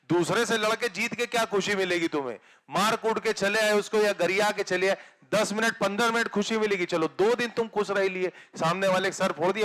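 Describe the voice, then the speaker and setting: A man teaching physics to exam students in Hindi, with a north Indian accent, giving a blunt motivational talk that moves between soft asides and loud urging. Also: sits high. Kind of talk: motivational classroom lecture.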